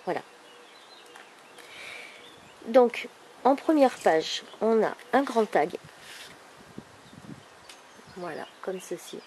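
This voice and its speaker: A woman with a thick, swollen-tonsils sore-throat voice, speaking softly and casually as she presents a craft project. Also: mid-range voice, animated, drawn-out words, pauses often. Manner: soft-spoken, holding back volume. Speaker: craft video maker presenting an album. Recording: clearly noisy background ambience.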